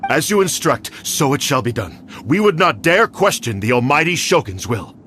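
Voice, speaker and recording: A deferential clan retainer in a video game. His mid-pitched voice rises and falls widely as he speaks with formal submission. Faint noise and ambience lie behind him. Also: very animated, normal speed, pushed and bright. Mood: submissive, reverent. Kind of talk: scripted video game voice acting.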